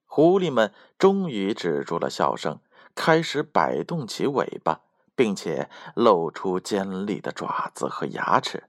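A man reading a children's picture book aloud as a storyteller, slow and expressive. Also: sits low, dry recording, studio quality.

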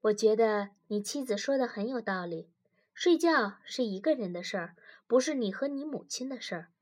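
A woman voicing a calm, composed male psychologist in a storybook reading, asking quiet, measured questions. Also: fairly high pitch.

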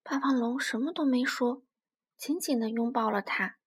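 A woman telling a children's story in an expressive, lively way. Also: fairly high pitch, normal speed, slightly rough.

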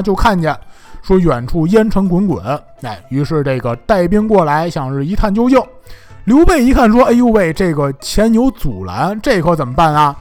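A man tells a classic tale in a chatty, comic way, tossing in asides. His voice is high and very animated, and faint music plays behind him. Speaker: storyteller.

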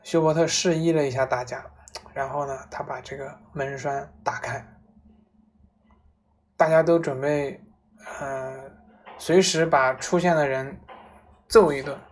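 Low-voiced woman retelling a story. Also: measured pace, long pauses. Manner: relaxed, with fillers and restarts.

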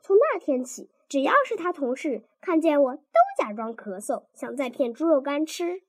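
A woman tells a first-person story aloud with playful, animated delivery. Her voice is high and swings widely in pitch. The sound is dry and close, with faint music underneath. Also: moderate pace, no room sound. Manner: animated, playful voicing of scenes. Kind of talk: expressive story reading.

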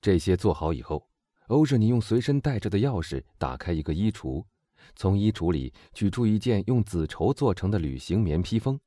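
Guy reading a novel aloud, mellow low voice, lots of expression, no room echo. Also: studio quality. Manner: measured, expressive storytelling. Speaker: audiobook narrator. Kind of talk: scripted narration.

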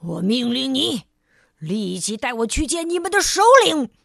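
A woman voicing a rude, arrogant man in a children's story, barking his words gruffly. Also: medium pitch, expressive, unhurried, dry recording, clean studio sound, pitched below the performer's own voice. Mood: bossy.

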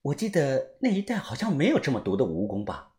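Quiet, steady woman healer on a bad line, read by the narrator. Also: rumbling low, a little fast, heavily acted. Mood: calm. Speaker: traveling doctor.

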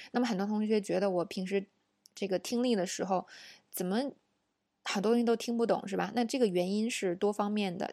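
A woman teaching English pronunciation in an audio lesson, explaining slowly and saying each example word several times. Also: medium pitch, darkish tone, dry recording, clean studio sound.

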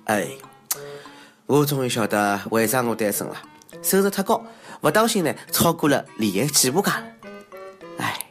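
A man's voice: medium pitch, expressive, normal speed, pauses often, a bit bright. Shanghainese guy doing a jokey host monologue, voice swinging all over, self-mocking, bit of music behind. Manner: self-mocking, exclamatory, theatrical asides. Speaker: comedy show host. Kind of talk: comedic monologue on odd news.

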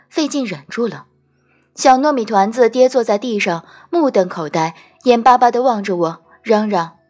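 A woman narrating a first-person fantasy audiobook, gentle and wry. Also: mid-range voice, husky. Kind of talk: scripted storytelling narration.

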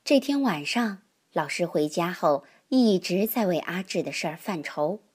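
A woman reading a children's picture book aloud in an expressive, lively manner. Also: on the low side, unhurried, breathy edge. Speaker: storyteller.

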